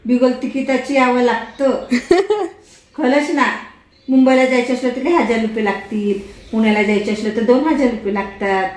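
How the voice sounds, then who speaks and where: A woman's voice: a little high, steady tone, moderate pace, a little mellow. An older woman, a grandmother, teasing her grandson in playful, laughing baby talk in a casual family chat at home. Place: indoors at home. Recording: echoey room with faint noise.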